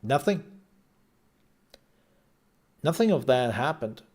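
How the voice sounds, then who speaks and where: A man's voice: medium pitch, sing-song, takes it slowly, a little mellow, husky. A man streaming live and chatting casually as he reacts, rambling and thinking aloud with repeated phrases, his voice worn out from a long day of talking.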